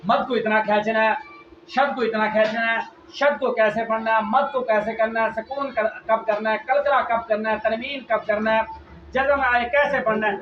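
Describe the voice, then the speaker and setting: High-voiced man teaching in an echoey room. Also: steady tone, normal speed. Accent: Pakistani Urdu. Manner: repetitive questions, drilling answers, loud emphasis. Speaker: Quran reading teacher. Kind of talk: classroom lesson to children. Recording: echoey, distant, muffled, noisy room.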